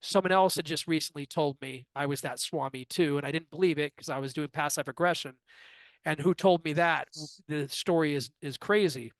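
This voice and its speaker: Man in his fifties, fairly high voice, dry close sound, animated storyteller, interview guest. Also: moderate pace, no room sound. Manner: animated anecdotal storyteller who acts out quoted dialogue.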